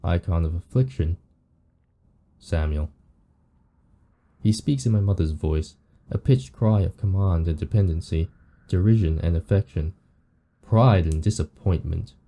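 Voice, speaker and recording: A man's voice: sits low, warm tone. A man reading as a weary undead painter. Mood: somber. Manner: slow, somber reading of game text. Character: weary undead male painter, morbid and brooding. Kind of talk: reading a visual novel aloud.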